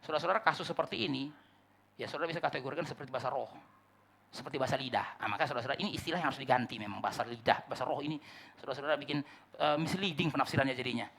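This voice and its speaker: A man preaching a church sermon, swinging between loud and hushed passages and putting rhetorical questions to the congregation. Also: mid-range voice, racing, creaky. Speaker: pastor. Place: church service.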